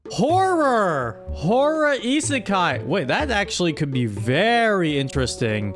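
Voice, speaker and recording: With background music playing, a male streamer hosts a casual livestream game where chat writes a story. He reads aloud and comments in playful mock-exasperation, his high-pitched, slightly bright voice swinging hugely in pitch at an unhurried pace.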